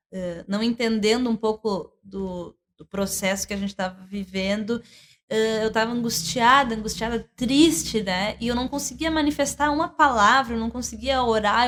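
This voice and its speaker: A woman's voice: a little high, a bit bright. A woman, a church minister telling an earnest, emotional testimony in conversation. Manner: earnest, emotional storytelling with many fillers. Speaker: church minister, worship leader.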